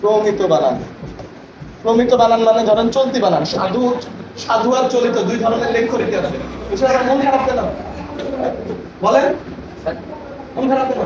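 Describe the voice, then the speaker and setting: A man's voice: extremely high pitch, normal speed, pauses often, highs cut off. A man training teachers in a classroom lecture, explaining with examples and often checking that the listeners understand. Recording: echoey room from far off, noisy.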